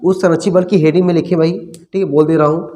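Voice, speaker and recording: A man's voice: fairly high pitch, steady tone, quick pace, mellow. A man teaching a physics lesson in a casual classroom manner, asking questions and answering them himself, repeating the key terms, and calling his students brother. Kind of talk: classroom lecture.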